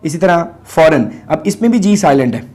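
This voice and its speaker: A man's voice: fairly high pitch, expressive, normal speed, darkish tone. A man with a Pakistani accent teaching an English class, breaking words into letters and sounding them out, switching between Urdu and English. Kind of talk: classroom lesson explaining pronunciation and grammar.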